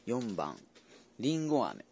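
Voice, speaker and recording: A man's voice: mid-range voice, huge pitch swings, takes it slowly, darkish tone, slightly rough. A man casually chatting to his pet dogs at home, playful and coaxing as he goes. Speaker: vlogger predicting a horse race with his dogs. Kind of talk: casual chat to pets.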